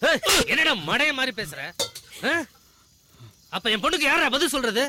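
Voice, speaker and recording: A man's voice: very high voice, expressive, normal speed, background noise. An actor playing a distraught village father who sobs, pleads and scolds his daughter in a choked voice, in a film drama. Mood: anguished. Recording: film soundtrack under loud music.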